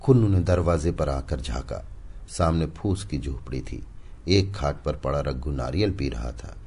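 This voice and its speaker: A man narrating a classic short story in an expressive, dramatic reading style. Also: rumbling low, a little slow, breathy edge. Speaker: audiobook narrator.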